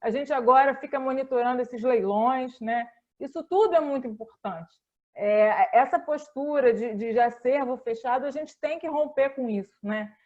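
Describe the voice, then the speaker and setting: A woman's voice: high-pitched, moderate pace, a little mellow, lo-fi sound. A Brazilian woman librarian moderating an online panel, speaking earnestly and tagging her sentences with questions. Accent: Brazilian Portuguese. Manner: earnest, repeats "né?" often.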